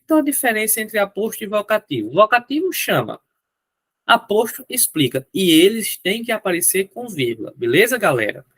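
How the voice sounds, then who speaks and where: A Brazilian-accented male teacher with a somewhat high, very lively voice that swoops up and down. He poses questions and answers them himself, and his throat sounds strained. The sound is close and dry, with no room echo. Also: fairly quick, slightly rough. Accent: Brazilian Portuguese. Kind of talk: online grammar lesson.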